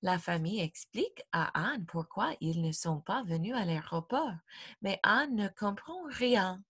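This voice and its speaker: A woman teacher reading a graded storybook aloud for her class, slowly, clearly and expressively. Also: medium pitch, lively intonation, fairly bright tone.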